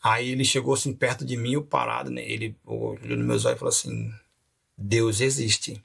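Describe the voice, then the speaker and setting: A man recounts his life story as a pastor on a podcast. His voice is gravelly and husky, lively in its storytelling and broken up by chuckles. He speaks in an easy, conversational way. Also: mid-range voice, quick pace. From Rio de Janeiro. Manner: animated storyteller, laughs often.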